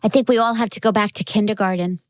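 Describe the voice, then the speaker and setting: A woman's voice: medium pitch, fairly even intonation, fast, no echo. Woman, podcast host, mid-range voice, encouraging, dry close recording. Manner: encouraging, affirming. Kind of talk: interview hosting.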